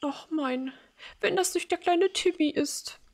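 A woman's voice: very high-pitched, unhurried, pitched above the performer's own voice. A woman voicing an elderly mother who is sweet, doting and forgetful, reading a game's dialogue aloud. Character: confused elderly mother, gentle then frightened.

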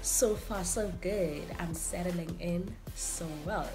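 A young woman from South Africa with a husky morning voice, chatting casually as she gives a room tour. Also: fairly low pitch, takes it slowly, music in the background. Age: young adult. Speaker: YouTuber. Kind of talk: casual vlog.

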